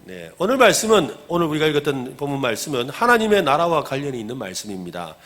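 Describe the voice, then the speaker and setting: Animated Korean pastor with a lively voice. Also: male voice, a little high, fast. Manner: animated preaching, acts out quoted lines loudly, asks the congregation questions. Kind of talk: sermon.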